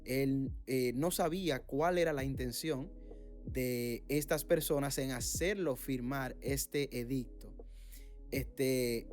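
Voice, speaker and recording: A man leading an informal Bible study, reading passages aloud and explaining them with frequent fillers and pauses. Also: medium pitch, darkish tone. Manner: reads scripture aloud, then explains it with many fillers.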